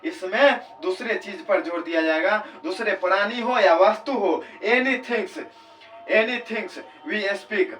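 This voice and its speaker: A man teaching English grammar in Hindi, explaining step by step, asking questions and answering them himself, and reading English examples slowly. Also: sits high, a bit bright, distant mic, faint music behind. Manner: reads English sentences slowly and deliberately.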